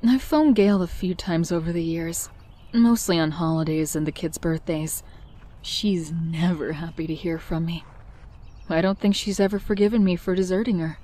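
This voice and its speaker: A woman's voice: fairly low pitch, fairly even intonation, moderate pace, mellow, natural voice. A woman voicing Mary Jane, a fiery but guarded young woman, telling her story in a heartfelt, confessional way in a comic dub. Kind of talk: comic dub narration and dialogue.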